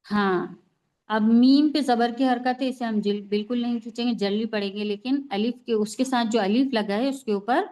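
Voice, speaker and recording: A woman's voice: on the high side, steady tone, moderate pace, darkish tone. A woman teaching Quran recitation rules in an online class, patient and repetitive, often checking with "right?". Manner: patient, repeats rules and asks "है ना?". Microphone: online class call.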